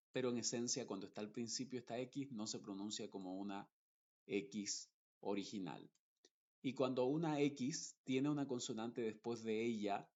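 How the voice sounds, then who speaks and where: A man teaching pronunciation, speaking deliberately and repeating example words carefully, one at a time. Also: on the low side, darkish tone, highs cut off. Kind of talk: slow, deliberate pronunciation lesson.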